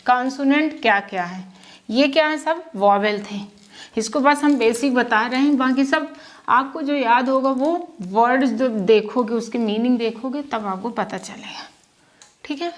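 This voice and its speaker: A woman teaching English pronunciation at a whiteboard, often asking a question and answering it herself and repeating sounds slowly. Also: fairly high pitch. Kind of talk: whiteboard lesson in Hindi. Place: classroom with whiteboard.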